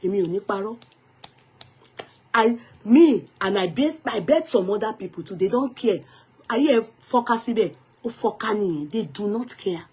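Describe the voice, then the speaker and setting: Nigerian woman, vlogger, breathy rasp in the voice, emphatic gossip talk, medium pitch. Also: animated, moderate pace, a little mellow. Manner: emphatic, mixes English with pidgin and Yoruba phrases. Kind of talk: gossip commentary vlog.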